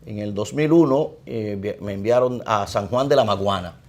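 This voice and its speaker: A middle-aged priest with a Dominican Spanish accent, speaking in a low voice with a gravelly, fry-laden edge. He talks through his life in a measured, reflective way, as a guest in an interview. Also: darkish tone. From Dominican Republic.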